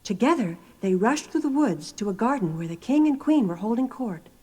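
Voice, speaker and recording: A woman's voice: a little high, animated, moderate pace, a little mellow. A woman reading scripted storybook narration on an album. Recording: noisy album recording.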